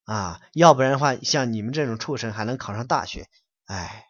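A man's voice: medium pitch, animated, fairly quick, a bit bright, no echo. A man preaching as a Buddhist lecturer, reading out a letter and scolding his listeners in blunt, colloquial talk. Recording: dull, muffled dry recording.

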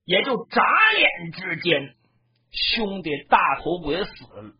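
A traditional storyteller narrating a battle tale dramatically, with shouted lines and mouth sound effects. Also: mid-range voice, expressive, slow. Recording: dull lo-fi recording.

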